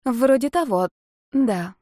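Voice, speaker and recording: A woman voicing a shy young woman who talks hesitantly and in an embarrassed, hurried way in an audiobook. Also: fairly high pitch, lively intonation, warm tone, no echo, studio quality, pitched above the performer's own voice.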